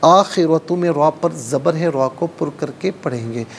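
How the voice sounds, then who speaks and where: A male religious teacher walks viewers through recitation rules, then chants each verse slowly and melodically. His voice sits a bit high and carries a gravelly texture. A faint low rumble hums under the recording. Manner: slow melodic recitation between explanations. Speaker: host and Quran teacher. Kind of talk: recitation lesson.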